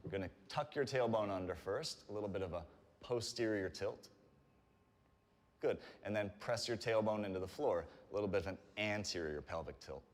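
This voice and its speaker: Male fitness instructor, lower register, calm and encouraging cueing, recorded in a very reverberant room. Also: normal speed. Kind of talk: guided workout instruction. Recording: reverberant room with long echo.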